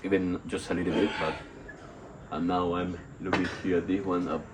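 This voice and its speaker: Male workout vlogger, unwell, very deep voice, hesitant casual delivery, noticeable background noise on an outdoor phone recording. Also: little pitch movement. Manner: halting, rambling, repeats and searches for words. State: sick and nauseous. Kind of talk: casual unscripted workout vlog. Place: outdoors in a still yard under a tarp. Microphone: phone on a tripod.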